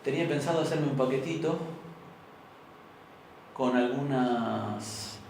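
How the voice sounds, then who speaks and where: Picked up from afar by a room mic in a very echoey space, with slight background noise, a young Argentine man leads a casual university class. He speaks slowly in a mid-range, creaky, darkish voice, explaining with patience and frequently checking that students agree.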